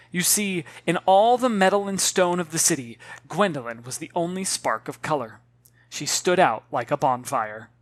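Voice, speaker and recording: Addressing the audience directly, an author reads their children's novel with theatrical expressiveness at medium pitch, and the recording has no echo.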